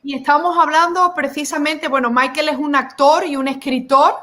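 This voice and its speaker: A woman with a high voice hosts an informal online panel. She talks conversationally and slips from one language into another. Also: fairly even intonation, moderate pace, background noise. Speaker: host. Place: video call.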